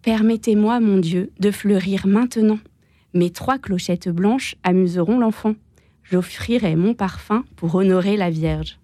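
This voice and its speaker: Woman reading verse aloud, mellow, dry close sound, measured. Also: mid-range voice, dry recording.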